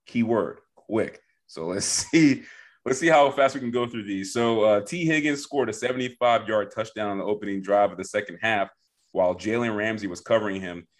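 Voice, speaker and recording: A podcast host with a lowish voice keeps a casual sports show moving, steering through segments in a playful, teasing manner. He speaks fairly quickly.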